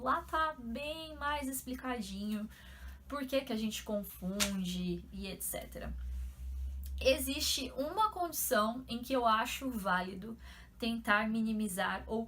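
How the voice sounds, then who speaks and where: A young woman from São Paulo with a São Paulo accent, explaining things in a chatty, animated vlog style full of fillers. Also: a little high, slight background noise. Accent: São Paulo Portuguese. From São Paulo, Brazil. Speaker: YouTuber.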